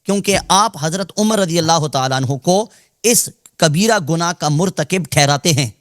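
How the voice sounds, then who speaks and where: A man debating as a guest cleric, laying out his position deliberately and checking agreement after each point. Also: a little high, animated, dry recording, clean studio sound. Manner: deliberate, repeats "theek hai?" to check agreement. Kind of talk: heated live debate.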